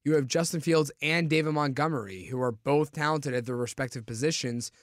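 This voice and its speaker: A man's voice: on the high side, a little fast, no room sound, clean studio sound. A man co-hosting a casual sports talk show, building his points with stammered restarts. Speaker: sports podcast co-host.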